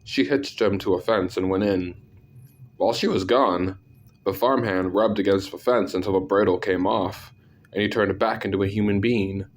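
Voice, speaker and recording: A man with a congested, sick-sounding voice narrating scary stories, with deadpan, self-deprecating asides. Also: low-pitched, moderate pace, a little hiss or hum. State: sick, clearing throat. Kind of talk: scripted story narration with casual asides.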